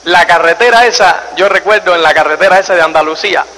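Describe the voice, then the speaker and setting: Bright high-voiced man speaking in a hall. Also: quick pace. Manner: animated storyteller, acts out scenes and asks the audience rhetorical questions. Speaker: motivational speaker. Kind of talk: live seminar talk to an audience. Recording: reverberant hall with faint noise.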